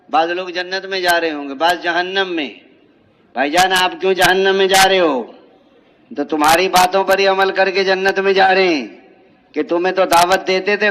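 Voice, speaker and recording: A man's voice: sits high, a bit bright. A man with a Pakistani Urdu accent preaching an emotional religious sermon, telling parables and asking rhetorical questions. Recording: dull lo-fi audio.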